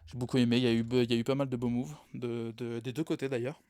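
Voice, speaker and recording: A man's voice: mid-range voice, little pitch movement, quick pace, a little mellow, smooth, dry recording, clean studio sound. Tired man rambling through game commentary. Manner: rambling, self-correcting, laughs at own slips. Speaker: esports caster.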